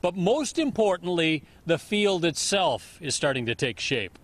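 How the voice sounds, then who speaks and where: An older man reporting live for TV news, speaking outdoors at night into a handheld microphone in a brisk, conversational way. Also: a little high, big pitch swings. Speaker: field reporter. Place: outdoors at night outside a stadium.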